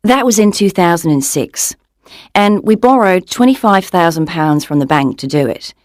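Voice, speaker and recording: A woman's voice: lowish voice, lively intonation, moderate pace, darkish tone, no echo, studio quality, lightly acted. A woman voicing a cheerful young Australian gallery owner with an Australian accent, talking in a friendly, chatty way in a scripted coursebook monologue. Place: dry studio booth.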